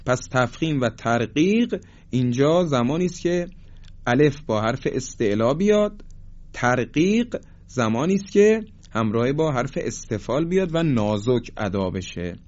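A man teaching a Quran recitation lesson, explaining the rules and then chanting the examples slowly and drawn out. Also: mid-range voice, lively intonation, a little mellow. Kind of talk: tajweed lesson. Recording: dull lo-fi recording.

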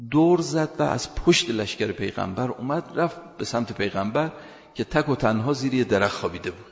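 A man preaching a sermon, telling stories earnestly and building emphasis with rising, louder phrases. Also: on the low side. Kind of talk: sermon with storytelling. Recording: long hall reverb, dull lo-fi sound.

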